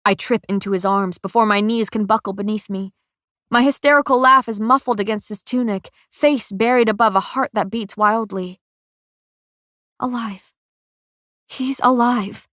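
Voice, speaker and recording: A woman narrating a first-person audiobook in a slow, measured, emotional reading on a close studio mic. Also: medium pitch, steady tone, a bit bright, no room sound.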